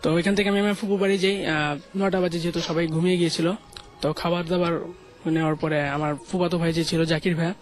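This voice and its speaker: Young Bangladeshi man, high-pitched guest storyteller, rushes and stumbles through a ghost story. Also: little pitch movement. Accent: Bangladeshi Bengali. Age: young adult. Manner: hesitant, many fillers and restarts. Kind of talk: telling a true ghost story on a radio show.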